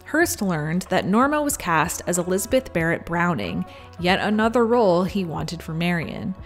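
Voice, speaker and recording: Wry low-voiced woman narrating. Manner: conversational with wry asides. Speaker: video essay host. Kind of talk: scripted narration.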